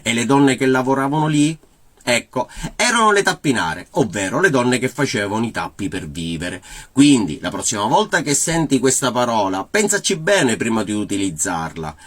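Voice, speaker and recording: Man, mid-pitched voice, very varied melody, playful storytelling, presenter explaining to viewers. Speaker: host of a dialect explainer channel. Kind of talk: lively explainer to camera.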